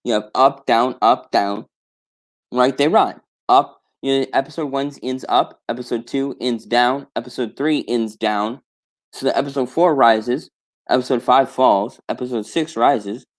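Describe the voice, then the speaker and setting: Streaming on his own, a man retells a story in a rambling, casual way, restarting and correcting himself often. He speaks in a mid-range voice at a moderate pace and swears offhandedly.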